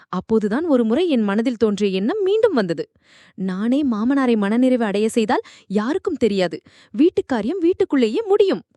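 A woman's voice: high-pitched, dark tone, no echo, clean studio sound. A woman narrating a first-person story in a dramatic, emotive reading style.

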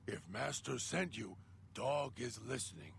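An actor voicing a hulking, timid mutant who talks about himself in the third person in simple broken phrases, in a video game. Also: male voice, mid-range voice, animated, a little slow, gravelly, fairly bright tone, breathy edge, no room sound, full character voice. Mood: pleading. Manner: simple broken speech, refers to self as Dog.

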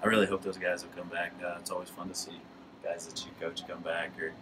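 Deep-voiced coach, casual and rambling. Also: male voice, flat delivery, quick pace. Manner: casual, rambling with restarts and laughs. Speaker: high school baseball coach. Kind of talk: postgame interview. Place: press box above a lit ballfield at night. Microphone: headset mic. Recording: distant mic with background noise.

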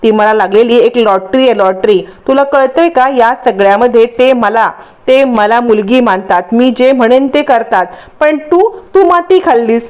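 A scheming young woman who poses as a rich man's daughter talks back defiantly and haughtily, as a woman narrator reads her. Her lines come out a bit higher than the narration. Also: moderate pace, darkish tone, muffled recording, natural voice. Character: lying young woman, arrogant impostor daughter.

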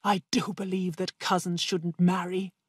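A vain, spiteful old woman from a storybook, voiced by a woman reader. Her voice is raised and tense. She speaks slowly, with a breathy edge, and the recording is dry. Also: on the low side, level tone, no room sound. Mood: bitter.

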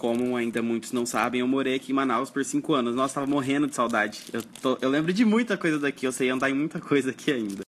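A man's voice: mid-range voice, fast talker, few pauses, a little hiss or hum. A young man, a singer on tour, talking in a casual vlog to the camera in a playful, teasing, slangy way.

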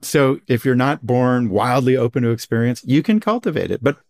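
A man's voice: medium pitch, expressive, a little fast. A man, a psychologist guest on a podcast, explaining research enthusiastically in a conversational way. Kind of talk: conversational interview.

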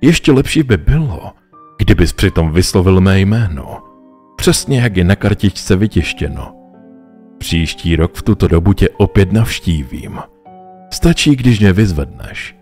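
Man doing a sly smug stranger, oily drawl, slow, bored, low voice, horror story, faint music behind. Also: animated, darkish tone. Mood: bargaining. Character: sly, smug male stranger bargaining for sins.

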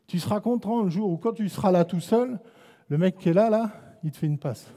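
French-accented male coach, high voice, long reverb of a gym with balls bouncing; clipped commands, teasing. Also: brisk, dark tone. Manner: barks short commands, teasing players. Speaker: basketball coach. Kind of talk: live coaching clinic on court. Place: indoor basketball gym. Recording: long echo of a gym hall.

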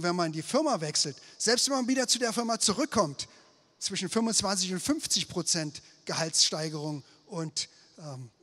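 A middle-aged man from Berlin telling a lively, self-mocking story about his career on stage, speaking into a handheld microphone. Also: high voice. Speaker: speaker at a failure-story night. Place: indoor event stage before an audience. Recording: long hall reverb of an event space.

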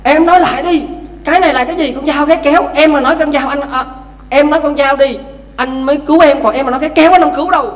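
A man's voice: very high voice, fast, voice pushed up. A man voicing a hot-tempered blacksmith husband who keeps angrily demanding an answer, in an echoey hall. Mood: angry. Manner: angry, demanding, shouting. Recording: echoey temple hall, faint hum.

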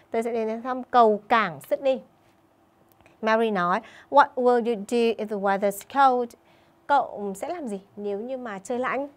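This is a woman teaching an online English lesson to schoolchildren, her voice sitting on the higher side. She checks in with her pupils often and slows down deliberately whenever she models an English sentence.

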